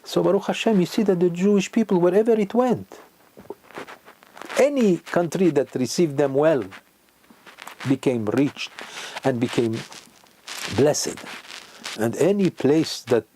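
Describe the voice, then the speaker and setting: An older man preaches a sermon as a rabbi. His voice is mellow and warm, sitting at a middle pitch. He drives his points home with rhetorical questions that leap upward in pitch. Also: a little hiss or hum, poor audio. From Morocco. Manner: emphatic, rhetorical questions, sudden rises in pitch.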